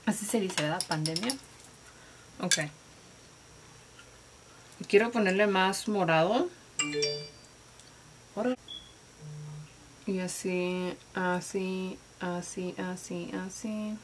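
Slow-talking woman, makeup vlog. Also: lowish voice, fairly even intonation. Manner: slangy, mixes English words, chatty and playful. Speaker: makeup tutorial host. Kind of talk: casual makeup tutorial. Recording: faint hiss.

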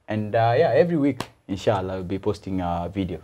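A man's voice: fairly low pitch, expressive, brisk, dark tone, a little hiss or hum. A young man with a Kenyan accent co-hosting a casual show, bantering in slangy speech that switches between Swahili and English. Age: young adult. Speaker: video show co-host. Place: small studio, seated at a table.

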